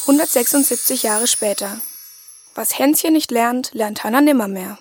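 A woman's voice: on the high side, moderate pace, faint music behind, close to an everyday voice. A woman narrating a radio play.

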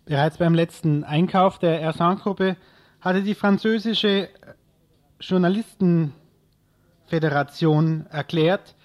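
A male radio reporter reads a prepared news report in a fairly high-pitched voice. His delivery is scripted and informational, made up of full written sentences.

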